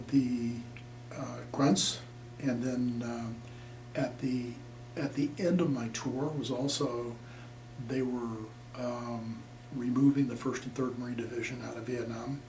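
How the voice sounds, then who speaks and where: Slow and level, his medium-pitched voice darkish in tone, an older veteran from Nebraska, USA, gives an oral history interview. He speaks plainly, rambling with many fillers. The recording has a distant mic, an echoey room and faint noise.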